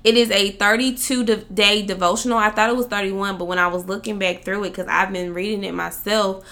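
A woman's voice: mid-range voice, fairly even intonation, brisk, a bit bright. A woman hosting a podcast, upbeat and chatty, talking straight to her listeners. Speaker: podcast host. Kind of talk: casual podcast talk with read ad.

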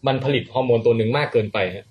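A man hosting a casual podcast chat, explaining a science story in an animated, playful way. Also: mid-range voice, racing, highs cut off, slight background noise.

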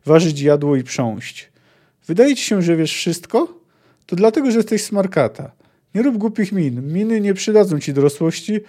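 A man reading a book aloud and voicing a gruff, blunt male dwarf who scolds and mocks a girl. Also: on the high side, warm tone, pitched above the performer's own voice.

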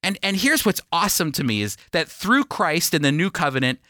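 A preacher and Bible teacher on a radio program delivers a sermon and reads scripture, stressing and repeating key phrases and asking rhetorical questions. His fairly high voice is very animated, brisk, bright and forceful, recorded at studio quality with no room sound.

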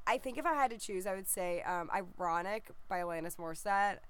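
A woman's voice: mid-range voice, brisk, clear, resonant tone. A woman from the southern United States co-hosting a podcast in casual, enthusiastic chat. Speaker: podcast co-host.

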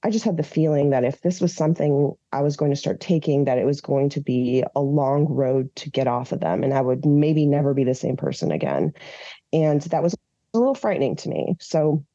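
A woman's voice: sits low, expressive, a little fast, dark tone, no echo, lo-fi sound. A woman from Minnesota, a podcast guest, telling her personal story in an open, earnest way with fillers and restarts. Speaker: podcast guest, advocacy founder. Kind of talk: candid personal storytelling in an interview.

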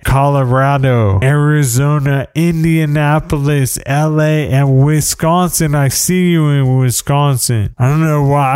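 A man's voice: mid-range voice, darkish tone, clear, resonant tone, no echo. A man in his forties hosting his own podcast, rambling in a jokey casual monologue and saying "dude" a lot. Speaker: podcast host.

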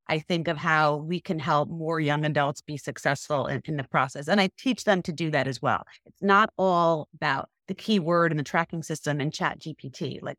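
An American woman speaks as a podcast guest and career coach in a conversational way. Her voice sits a little low and is recorded dry. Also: a bit bright, no echo. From United States. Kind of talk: conversational interview talk.

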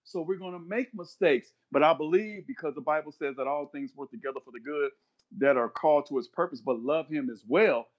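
A man's voice: a little high, a little fast. Man in his 50s, preachy earnest podcast guest, repeats himself, kinda dull lo-fi sound. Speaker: guest minister. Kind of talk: podcast conversation, preaching-flavored.

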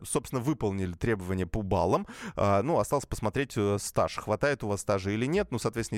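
A low-voiced man hosting a call-in radio show. He talks quickly and stumbles through fillers and restarts. The studio sound is dry and close. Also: no room sound. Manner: hesitant, many fillers and restarts. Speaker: radio host.

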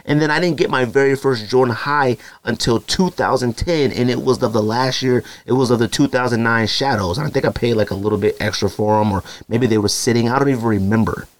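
In a dry recording, a married man hosting a solo podcast speaks fairly quickly with few pauses in a mid-range voice. The talk is casual and meandering, packed with "you know" fillers, and his pitch jumps up when he makes a point.

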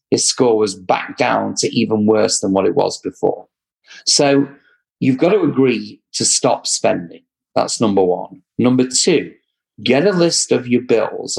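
A man with an English accent, a guest who runs a credit repair company, gives earnest advice in a casual chat and repeats himself for emphasis. His medium-pitched voice has vocal fry and a slightly rough edge, and the audio is poor.

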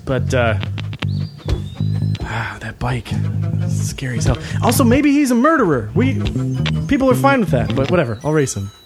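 A man's voice: medium pitch, wildly swooping pitch, moderate pace, pauses often. A man playing a rattled camp counselor in improvised comedy role-play, with a casual, wry, nervous way of talking. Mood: anxious. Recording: music playing underneath.

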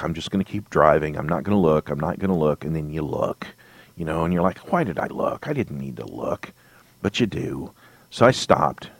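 A man's voice: low voice, dry recording. A man hosting a podcast, giving an exasperated, rambling monologue full of fillers. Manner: ranting, exasperated, many fillers. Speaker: podcast host. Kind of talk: monologue commentary.

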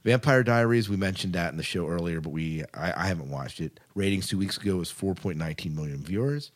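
An American man with a low, fast voice hosts a podcast news segment. He reads out news items and chats casually in between.

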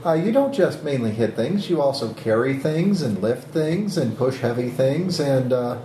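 A man's voice: mid-range voice, lively intonation, normal speed, dark tone. A man running a tabletop game as game master, casual and teasing with the players. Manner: joking, teasing. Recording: roomy echo, background noise with clicks.

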